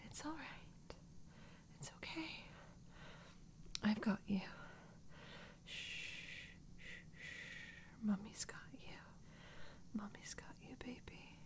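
A woman playing a tender, doting motherly figure in a whispered role-play, soft and breathy, hushing and cooing soothingly. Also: mid-range voice, expressive, slow pace, pauses often.

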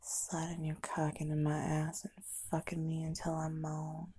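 A woman doing a whispered ASMR hypnosis, speaking in a slow, soft, unvoiced whisper as she counts down. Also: sits low, completely flat delivery, husky. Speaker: ASMR performer.

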